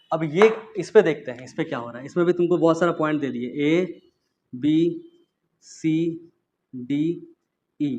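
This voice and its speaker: A man's voice: on the high side, dull audio. A man teaching physics in a classroom, chatting casually as he quizzes students and demonstrates with objects. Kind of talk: classroom lecture.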